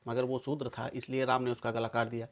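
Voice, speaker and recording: Man ranting forcefully to viewers. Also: mid-range voice, completely flat delivery, fast, noisy background. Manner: forceful, accusing, emphatic. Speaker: video commentator. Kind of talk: polemical monologue to viewers.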